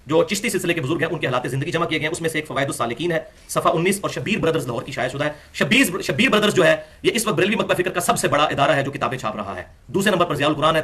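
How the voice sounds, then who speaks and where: A man delivers a religious lecture in a high voice, citing books and reading passages aloud. His tone is bright and forceful. He swings between raised, emphatic phrases and low, quiet asides. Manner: emphatic, quotes sources and reads passages aloud.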